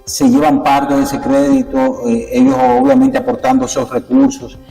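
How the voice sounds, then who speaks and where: A male host interviewing a guest, mostly giving brief affirmations and asking slow questions. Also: mid-range voice, sing-song, gravelly, mellow, long reverb tail, distant mic, soft background music, rough recording. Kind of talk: conversational interview.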